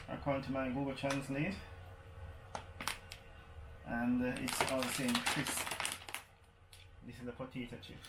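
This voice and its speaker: A man with a Jamaican accent chatting casually as a food vlogger, unhurried and pausing between short phrases. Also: medium pitch. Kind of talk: casual food review chat. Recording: echoey room with crinkling handling noise.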